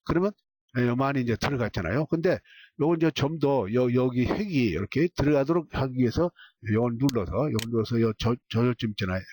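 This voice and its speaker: A man teaching a software tutorial step by step, repeating short cues as he clicks along. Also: mid-range voice, expressive, quick pace, a little hiss or hum. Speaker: software instructor. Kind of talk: screen-recorded software tutorial.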